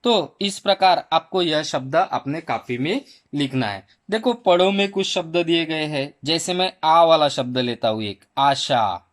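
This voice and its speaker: A man teaching a primary school Hindi lesson, slowly sounding out each letter and vowel sound for children. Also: a little high, lively intonation. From India. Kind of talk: slow spelling lesson for children.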